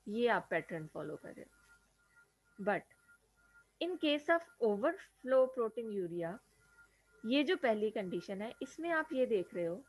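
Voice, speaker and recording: A woman's voice: a little high, no room sound, rough recording. A woman lecturer explaining a diagram in a classroom lecture. She asks rhetorical questions and keeps checking in with her students. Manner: mixes English terms into Hindi explanation.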